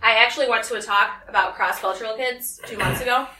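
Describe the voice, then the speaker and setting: Speaking a little high and fast, a young American woman gives a lively personal talk to a small audience in a reverberant room, some distance from the microphone. She's bright and forceful, imitating others when quoting them, with slight background noise audible.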